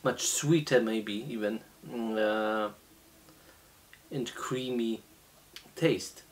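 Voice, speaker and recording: Slow, halting man reviewing beer. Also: on the low side. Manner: slow, halting, many fillers and restarts. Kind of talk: casual beer tasting review. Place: small indoor room, seated at a table.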